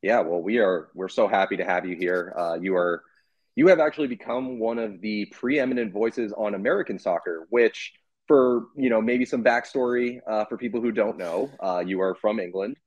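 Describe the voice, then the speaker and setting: A young man, a writer acting as interviewer, questions a guest over a video call in a casual way full of fillers. His voice is on the low side and darkish, at normal speed with no echo. The call audio sounds dull and lo-fi.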